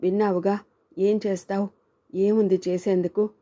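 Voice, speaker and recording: A woman's voice: medium pitch, little pitch movement, normal speed, warm tone, lightly acted. A woman voicing a caring, tearful woman friend in a storybook reading, pleading with her.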